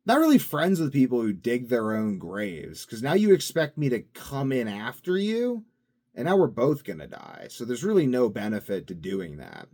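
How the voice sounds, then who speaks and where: A male vlogger with a medium-pitched, darkish voice muses in a loose monologue for his channel. His thoughts drift from one to the next, heavily padded with fillers.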